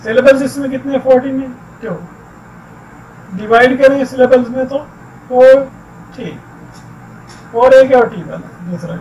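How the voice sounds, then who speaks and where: High-voiced man teaching grammar. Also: a little mellow. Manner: explains slowly, repeating words and "theek hai ji". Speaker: English teacher. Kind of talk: textbook grammar lesson. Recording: distant mic with faint background noise.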